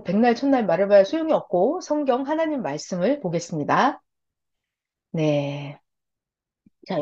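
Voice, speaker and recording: A woman preacher retelling a Bible story in a sermon and acting out the characters' lines. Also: mid-range voice. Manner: acts out the characters' lines in lively voices. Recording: dull lo-fi recording.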